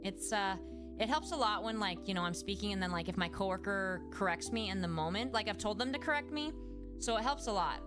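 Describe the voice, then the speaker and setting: A young adult woman who works as a speech-language pathologist chats casually on a livestream, answering viewers with plenty of "like" fillers and restarts. Her voice is medium-pitched and fairly quick, with background music behind her.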